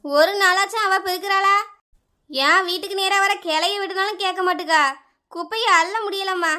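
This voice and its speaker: Woman putting on a squeaky bright kanyakumari tamil neighbour lady, always griping and scolding. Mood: grumbling. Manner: shrill scolding, complaining. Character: fed-up adult woman neighbour, quarrelsome.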